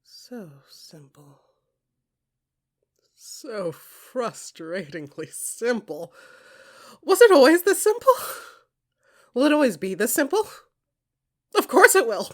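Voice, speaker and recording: Intimate and dramatic, a woman narrates second-person fiction she wrote for her podcast, speaking in a fairly high, very animated voice. She sounds breathy, frequently slipping into whispers and measured short phrases.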